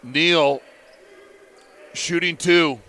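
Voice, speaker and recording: A man calling a live college basketball game play by play, in measured, steady calls. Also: fairly high pitch. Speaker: play-by-play commentator.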